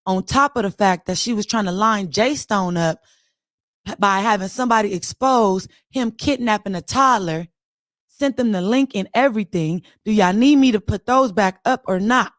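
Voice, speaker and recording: A woman's voice: medium pitch, normal speed, no room sound, clean studio sound. A young woman from Los Angeles with a Los Angeles accent, hosting an online audio room with blunt, profane, mocking commentary. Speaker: host. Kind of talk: heated casual commentary.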